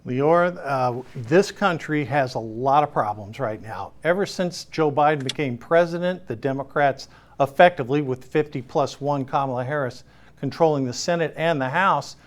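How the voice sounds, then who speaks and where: A man hosting a political talk show, asking questions with frequent fillers and restarts. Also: on the high side. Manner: hesitant, many fillers and restarts. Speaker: show host.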